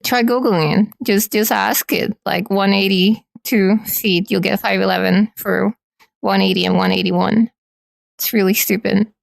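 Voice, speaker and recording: Gravelly-voiced woman streamer chatting playfully. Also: mid-range voice, fairly even intonation, unhurried, dry recording, clean studio sound. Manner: playful, teasing. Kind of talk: casual stream chat.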